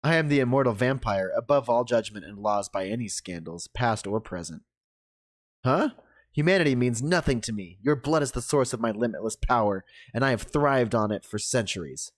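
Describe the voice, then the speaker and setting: A detective putting on a pompous, theatrical vampire persona, voiced by a man in a video game. He declaims every line grandly, in a voice of middling pitch for a man. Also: animated, moderate pace, lightly acted. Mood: grandiose. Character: male detective hamming up a pompous immortal vampire. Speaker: detective hero of a story game.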